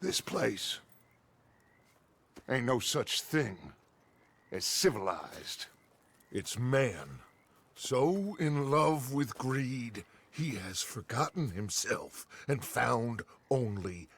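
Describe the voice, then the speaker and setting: A man playing a charismatic, grandiose American outlaw gang leader in a video game cutscene, husky and oratorical. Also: mid-range voice, expressive, extremely slow, heavily acted. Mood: philosophical, proud. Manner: theatrical, oratorical.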